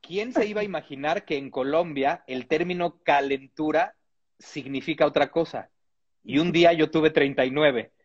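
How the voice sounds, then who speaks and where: A man's voice: fairly high pitch, normal speed, muffled recording. A man from Mexico, reading a humorous text aloud with comic asides and chuckles.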